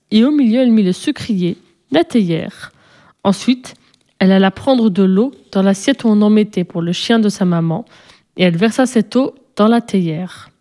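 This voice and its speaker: A woman reading a children's story aloud in a gentle, measured way. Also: medium pitch. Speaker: narrator.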